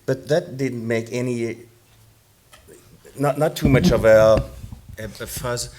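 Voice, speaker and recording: A man's voice: mid-range voice, slow pace, a little mellow. A man, a musician on a seminar panel, musing aloud in a conversational way.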